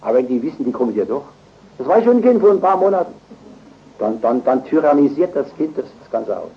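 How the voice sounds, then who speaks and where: An older man delivers a sermon with forceful emphasis, rising to loud stressed phrases and then dropping to quiet asides. His voice sits at an ordinary middle pitch. The recording is dull and lo-fi. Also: sing-song, quick pace. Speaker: preacher.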